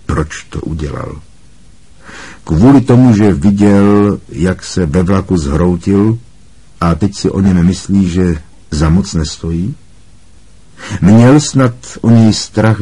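A man reading a story aloud as an audiobook narrator, measured and voicing the dialogue. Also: deep voice, dark tone, slightly rough. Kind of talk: scripted narration.

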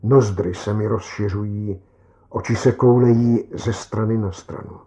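Dark-voiced male story narrator. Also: on the low side, steady tone, creaky. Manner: tense, measured dramatic reading. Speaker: audiobook narrator. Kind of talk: first-person story narration.

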